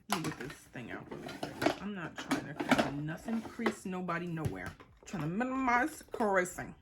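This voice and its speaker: A woman's voice: medium pitch, noisy background. A woman in her twenties from Boston, rambling in a casual chat with many fillers and acted-out quotes. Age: 20s. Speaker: vlogger. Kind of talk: casual chat while getting ready.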